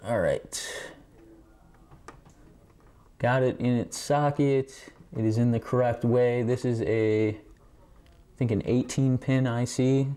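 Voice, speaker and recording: Hosting a pinball repair video, this man talks slowly and mellowly in a steady, mid-range voice, leaving long pauses as he walks through a casual hands-on fix. He's indoors in a game room full of arcade machines, recorded by a camera on a tripod a short way off, and the audio carries clear background noise and clicks.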